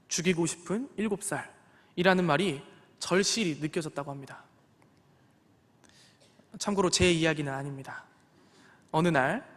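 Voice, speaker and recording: Male pastor, sermon delivery, somewhat high pitch, earnest storyteller with dry asides; reverberant sanctuary. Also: a bit bright. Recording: long hall reverb.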